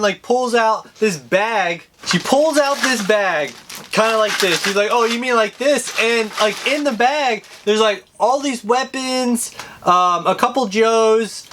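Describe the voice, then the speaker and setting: A young man, a toy collector, telling a story in an excited, rambling way with lots of fillers and casual swearing. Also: high-pitched, slight background noise.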